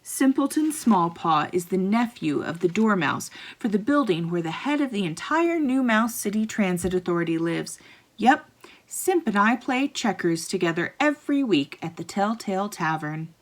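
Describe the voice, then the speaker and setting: A woman's voice: mid-range voice, sing-song, moderate pace. A woman voicing a smug, pushy male mouse cousin who brags and bargains. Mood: boastful. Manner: brash, boastful, wheedling.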